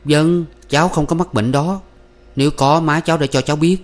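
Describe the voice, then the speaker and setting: A man's voice: on the high side, fairly even intonation, moderate pace, pitched above the performer's own voice, lightly acted. A man voicing a nervous young man who stammers and pleads with an older man. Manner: anxious, stammering.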